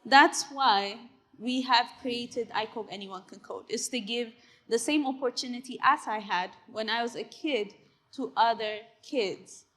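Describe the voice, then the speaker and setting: A young woman from Ethiopia presents at a conference in a fairly high voice. She speaks earnestly and conversationally as a tech CEO, dotting her talk with fillers and tag questions like "right?". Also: a bit bright. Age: 20s. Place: conference hall stage.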